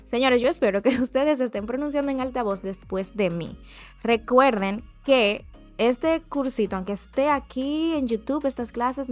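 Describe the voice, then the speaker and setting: A woman from the Dominican Republic with a Dominican Spanish accent, teaching an online English lesson and modeling slow, deliberate pronunciation for learners. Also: fairly high pitch.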